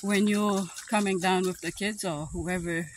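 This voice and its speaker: A man with a fairly high voice chats casually as he walks through a park, pointing out what he sees. He is recorded on a handheld phone outdoors, and a faint outdoor hum sits behind him. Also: fairly even intonation, unhurried. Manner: chatty, narrates the surroundings while walking. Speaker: family vlogger. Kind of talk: casual walking commentary.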